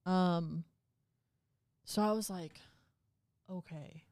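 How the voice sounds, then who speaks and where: A woman's voice: lowish voice, moderate pace, clean tone, dry recording, clean studio sound. A woman co-hosting a podcast, chatting casually and retelling a legal case in plain words. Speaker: podcast co-host. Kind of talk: casual chat.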